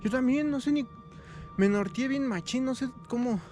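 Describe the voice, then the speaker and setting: Hombre mexicano de voz muy aguda. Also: male voice, very high-pitched, normal speed. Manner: slangy, exclamatory, chatty. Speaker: vlogger. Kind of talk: casual outdoor night exploration vlog. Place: outdoors in a forest at night. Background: music.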